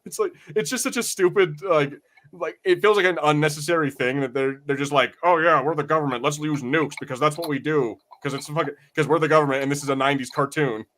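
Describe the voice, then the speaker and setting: Ranting with exasperation and plenty of profanity, a podcast co-host talks casually about pop culture. He speaks fast in a slightly high, somewhat bright voice.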